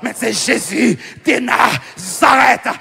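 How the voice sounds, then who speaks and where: A male preacher with a Haitian Creole accent giving a testimony sermon, mixing French and Creole, swinging between loud shouts and soft murmurs. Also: very high voice, slow, gravelly, husky, faint music behind. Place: church. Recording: reverberant church hall with congregation.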